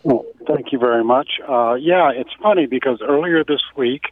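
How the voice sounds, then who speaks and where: A man's voice: mid-range voice, moderate pace, no room sound. A man in his sixties calling in to a radio talk show, heard over the phone, speaking plainly with a slight hesitancy. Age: 60s. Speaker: radio call-in caller. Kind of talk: casual call-in chat. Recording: tinny dry phone line.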